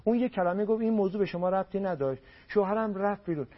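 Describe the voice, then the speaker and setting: A man on a radio program as a family counselor, giving marriage advice in an emphatic way and repeating words for stress. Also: high-pitched. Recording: dull lo-fi radio broadcast.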